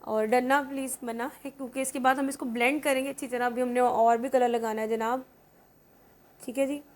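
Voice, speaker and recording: Chatty high-voiced woman makeup vlogger. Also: fairly even intonation, brisk. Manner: chatty, repeats "theek hai" often. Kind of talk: casual makeup tutorial.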